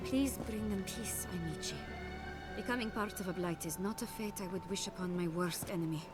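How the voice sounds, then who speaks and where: A studious, world-weary researcher from a video game, acted by a woman. She speaks in a bookish, measured, formal manner with dry gravity. Loud music plays behind her. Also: medium pitch, close to an everyday voice. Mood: solemn, cautioning. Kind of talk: video game character dialogue.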